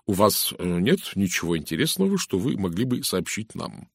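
A man's voice: low voice, very animated, moderate pace, gravelly, husky, no room sound, studio quality, exaggerated voice. A man reading an audiobook, voicing a cold, stiff colonel who speaks in a cool, clipped way.

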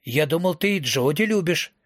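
A man reading aloud who voices a laid-back young man with a low-key, deadpan delivery. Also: moderate pace, dry recording, studio quality.

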